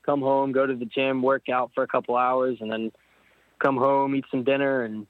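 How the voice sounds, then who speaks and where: Over a dry, tinny phone connection with no echo, a nineteen-year-old guest from Pennsylvania talks about motorcycle racing in an easygoing interview. His medium-pitched voice stays level at a normal speed while he rambles and keeps starting over.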